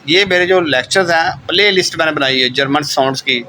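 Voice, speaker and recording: A man teaches German pronunciation with a bright, forceful voice pitched a little high. He drills example words slowly and over and over, and checks in with his listeners often. Faint noise sits under the recording. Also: poor audio. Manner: repeats words slowly and checks in with "theek hai". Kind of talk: online language lesson.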